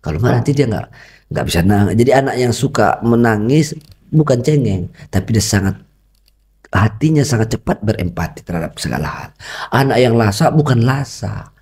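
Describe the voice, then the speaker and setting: A middle-aged man speaks with a Medan Indonesian accent in a mellow, warm tone. He talks as a podcast guest, moving easily between explanation and storytelling. He often slips into the voices of the people in his stories. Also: fairly low pitch. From North Sumatra. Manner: lively storyteller who acts out quoted dialogue. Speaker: guest, educator and father. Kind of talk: podcast interview.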